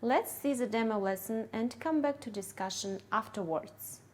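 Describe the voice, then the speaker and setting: A woman from Kyrgyzstan, an English teacher, giving a careful training talk and a demonstration lesson with clearly articulated words. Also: a little high, a little mellow. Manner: slow, deliberate, clearly articulated.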